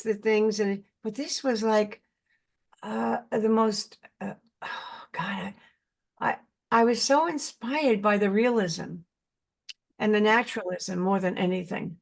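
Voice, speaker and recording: An older actress from Brooklyn, New York, talks as a guest in a casual interview, her medium-pitched voice touched with vocal fry and her tone plainly conversational. Earnest and halting, she goes back over her words and restarts while reaching for her meaning.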